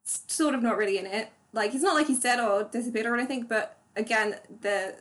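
Chatty woman, somewhat high. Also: brisk, a bit bright. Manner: chatty, many fillers and restarts. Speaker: podcast co-host. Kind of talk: casual chat.

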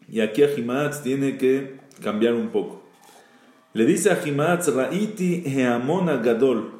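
A rabbi teaches a Bible storytelling lesson in a mid-range, slightly mellow voice, in a very echoey room. He reads out Hebrew verses, then explains them in Spanish, often repeating phrases for emphasis.

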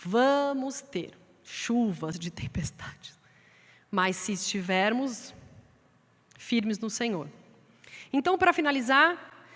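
A woman with a Brazilian Portuguese accent preaching a sermon in a lively way, acting out quoted voices. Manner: lively, acts out quoted voices in a raised pitch. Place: church sanctuary. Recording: long hall reverb from the church sanctuary.

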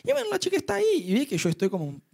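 Young Rioplatense preacher, expressive storyteller, wide-ranging lively delivery for a youth sermon. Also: male voice, racing, gravelly. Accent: Rioplatense Spanish. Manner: lively storyteller, voices his own inner thoughts in high pitch. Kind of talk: animated sermon with acted-out anecdotes.

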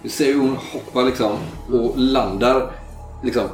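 Swedish game master in an echoey room. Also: male voice, medium pitch, faint music behind. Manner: relaxed, describing the action step by step. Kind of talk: narrating a tabletop game.

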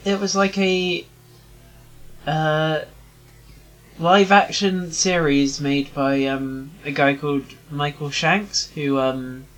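A man in his twenties, a podcast co-host in casual chat, rambling with many pauses and restarts. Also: a little high, fairly even intonation, a bit bright, rough recording.

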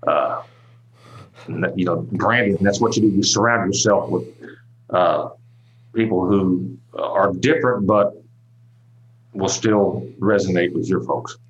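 A man's voice: low-pitched, a little slow, pauses often, rough recording. A man, a country singer-songwriter talking in a loose, rambling way, full of fillers and restarts. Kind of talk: casual interview talk.

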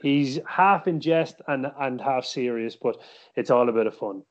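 An Irish man hosts a sports podcast in a mid-pitched voice. He talks casually and haltingly, doubling back on words, and the recording is a little dull. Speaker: podcast host. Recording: slightly dull, muffled podcast audio.

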